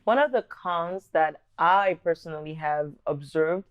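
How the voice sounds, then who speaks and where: Music plays in the background of this muffled clip, where a vlogger, a young adult woman from the DR Congo, talks to camera about growing up. She speaks low, earnest and measured, sometimes starting a phrase over.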